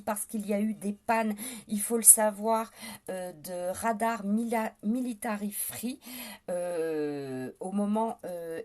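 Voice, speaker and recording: Woman, live-stream host, hesitant casual delivery, warm dark tone. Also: medium pitch. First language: French. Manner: hesitant, many fillers, indignant at trolls. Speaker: livestream host.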